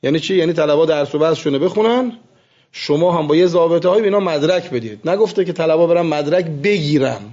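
A man teaching seminary students, lecturing with animated storytelling and soft asides. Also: a little high. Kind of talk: classroom lecture with anecdotes. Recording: muffled lo-fi recording.

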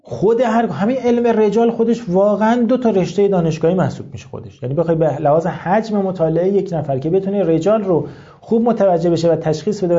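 Mellow-voiced male cleric lecturing students. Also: high-pitched, muffled recording. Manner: candid, conversational explaining with rhetorical questions. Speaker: seminary teacher and cleric. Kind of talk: informal lecture to seminary students.

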